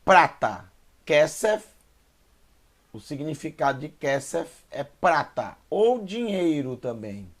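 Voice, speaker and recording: A man teaching a Hebrew reading lesson, patiently sounding out syllables and repeating words slowly. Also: on the high side, sing-song. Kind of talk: online language lesson.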